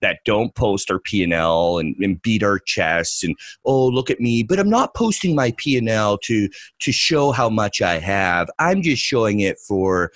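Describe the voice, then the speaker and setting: A man's voice: on the low side, animated, a little slow, hardly any pauses, fairly bright tone, no echo. A man co-hosting a trading podcast, ranting profanely and mocking others in put-on voices. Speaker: podcast co-host, trader. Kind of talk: ranting casual podcast talk.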